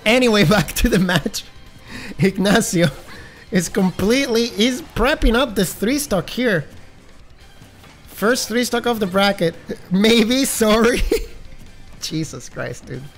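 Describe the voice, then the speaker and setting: A man streaming a game, commentating casually with an accent, excitable, gasping and shouting, swearing freely. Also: high voice, slow pace, pauses often, faint music behind. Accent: some accent. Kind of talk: live gaming stream commentary.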